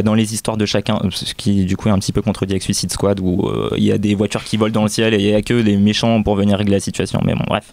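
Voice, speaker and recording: A man's voice: on the low side, a little mellow, no room sound. A young man on a radio film show, giving his opinion on a film, hesitating often with fillers. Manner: hesitant, many fillers, trails off. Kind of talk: casual chat about films.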